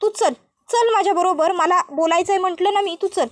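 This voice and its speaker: A woman's voice: extremely high pitch, brisk, no room sound, clean studio sound. A woman voicing a stern middle-aged husband who gives firm commands.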